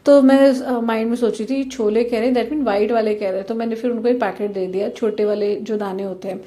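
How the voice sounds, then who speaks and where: A woman's voice: on the high side, fairly even intonation, a little fast, mellow. A young woman earnestly sharing a devotional experience, speaking directly to her listeners. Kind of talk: devotional testimony.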